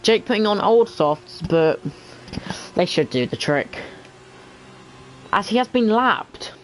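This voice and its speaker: A man with a fairly high voice leads casual commentary on a racing league. He calls the action in short, sometimes halting phrases, thinking aloud, over faint background noise. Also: expressive, rough recording. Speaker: lead commentator.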